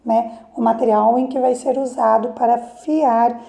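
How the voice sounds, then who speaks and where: Slow, gravelly-voiced schoolteacher woman. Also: on the high side, steady tone, mellow. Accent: Brazilian Portuguese. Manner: slow explaining with frequent "né?" and "tá?" checks. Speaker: teacher. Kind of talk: remote class lesson for children.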